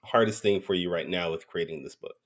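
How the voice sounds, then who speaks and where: A man's voice: low voice, brisk, faint music behind. A man hosting a podcast, asking his guest questions in an easygoing way. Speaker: podcast host. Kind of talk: casual podcast chat.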